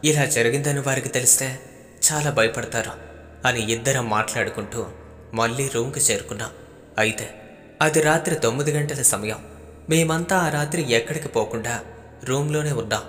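A man narrating a first-person horror story in a steady storytelling voice. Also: medium pitch, normal speed, big-room sound.

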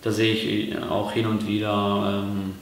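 This German vlogger's low voice is completely flat, slow, and edged with vocal fry as he explains things hesitantly, restarting often and using many fillers. The very echoey room adds to a recording with a little hiss or hum.

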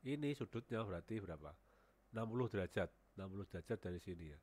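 Speaking fast and animated in a low, darkish voice, a man with a cold narrates a CAD modeling tutorial recorded from his screen. He uses a headset, thinks out loud, and echoes the numbers he types.

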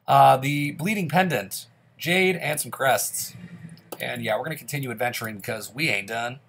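A man's voice: mid-range voice, moderate pace, creaky, a bit bright, slightly rough. Congested man doing let's play commentary. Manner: chatty, talks through each move. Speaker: gaming channel host.

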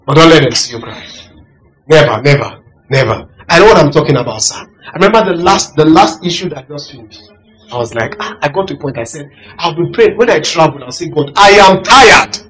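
A man's voice: on the high side, fairly bright tone, low-quality recording. A man with a Nigerian English accent preaching a sermon as pastor, emphatic and repetitive, often asking whether listeners follow him. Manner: emphatic preaching, repeating phrases and asking the congregation if they follow.

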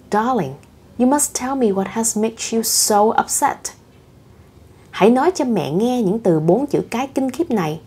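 A woman reading the lines of a mother who calmly coaxes her upset daughter. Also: on the high side, slightly rough, pitched above the performer's own voice. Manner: calming, coaxing.

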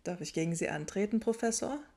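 A woman's voice: medium pitch, expressive, quick pace, mellow, close to an everyday voice. A woman voicing a friendly, easygoing young male wizard who sounds enthusiastic.

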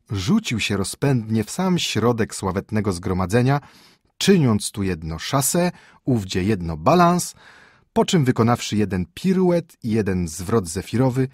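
A man reads a classic tale aloud with a theatrical flair. His pitch leaps and swoops widely while he keeps a slow, deliberate pace. His voice is husky and the recording is dry and close. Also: no echo. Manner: theatrical, lively storytelling. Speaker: audiobook narrator. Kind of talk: expressive literary reading.

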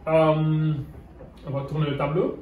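A man's voice: fairly high pitch, little pitch movement, a little slow, distant mic, narrow, tinny audio, a little hiss or hum. A man from Senegal with a Senegalese French accent, whose first language is Wolof, teaching English grammar at a whiteboard, switching between French and English and checking in with "okay?". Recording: roomy sound from away from the mic.

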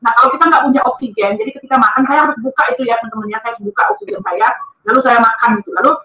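A high, bright-voiced woman tells a personal testimony at a quick clip. She speaks earnestly and with emphasis, and she keeps addressing her listeners as friends. Her voice sits back from the mic in an echoey room. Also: distant mic, a little hiss or hum.

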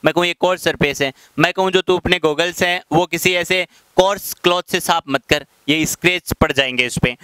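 At the whiteboard, a Rajasthani-accented male teacher in his thirties explains English vocabulary in Hindi with patience, easing his pace whenever he reads English example sentences. His high, crisp voice sounds pushed and bright, captured close and dry by a headset mic with no echo.

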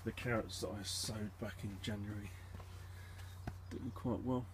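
Moving through his allotment and polytunnel, an English vlogger keeps a level tone and measured pace, casually thinking aloud in a low-key, somewhat hesitant way. His handheld phone or camera records a lot of wind and rumble.

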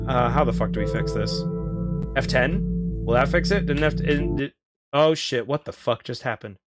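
A man live streaming casual game commentary in an excitable, joking, sweary way. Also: medium pitch, moderate pace. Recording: music and game sound underneath.

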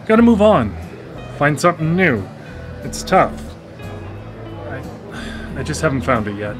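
A man voices the lead in a live radio drama, a former engineer newly blind, speaking with hesitant stammers, wry self-mockery and awkwardness. His higher voice is very animated yet a little slow, with soft music behind him on a studio microphone.

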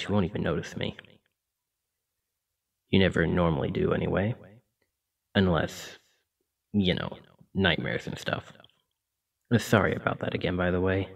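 In an ASMR roleplay, a man voices a kind, apologetic sleep paralysis demon, speaking gently, reassuringly and informally. His lowish voice is husky with vocal fry, and the mic is distant.

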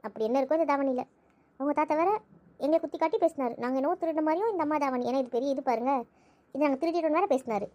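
A gossipy young woman who rattles on with complaints , as a woman acts her. Her voice is high and her speech is quick. It is an amateur audio drama. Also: warm tone, lo-fi sound, natural voice. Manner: gossipy, chatty.

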